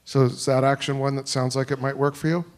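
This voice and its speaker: A man's voice: medium pitch, flat delivery, quick pace. Man coaching a conference workshop. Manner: encouraging, asks pointed questions. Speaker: workshop facilitator. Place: conference hall with audience.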